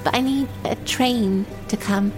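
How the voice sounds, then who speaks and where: Timid young runaway played by a woman: high voice, naive, confiding, wistful audio drama monologue, music underneath. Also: a little slow, lightly acted. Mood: forlorn, waiting. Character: lonely, timid young runaway waiting for a train, childlike and wistful.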